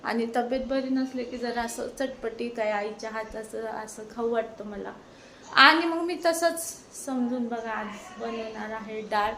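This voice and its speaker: A middle-aged woman chats informally for a home cooking vlog, hoarse from a sore throat, her voice giving out. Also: on the high side, fairly even intonation, unhurried, pushed and bright, a little hiss or hum. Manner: chatty, repetitive, informal. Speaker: homemaker video blogger. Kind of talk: casual cooking vlog chat. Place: home kitchen.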